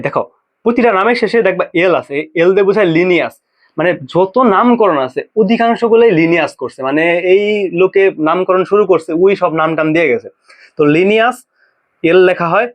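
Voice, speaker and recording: A young man from Bangladesh, teaching a casual biology lesson and drilling pronunciations by repeating them slowly. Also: high-pitched. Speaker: biology tutor. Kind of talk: informal exam-prep lecture.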